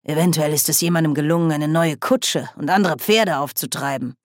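A stern, grumpy old witch played by a woman reader in an audiobook. She grumbles in brisk, curt phrases. Dry, close sound. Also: sits low, dry recording, natural voice. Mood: grumbling. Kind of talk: audiobook character voice.

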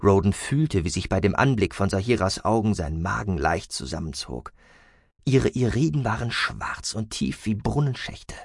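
A man narrating a science fiction audiobook in an expressive storytelling manner. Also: lowish voice, normal speed, gravelly, slightly rough, no echo, clean studio sound.

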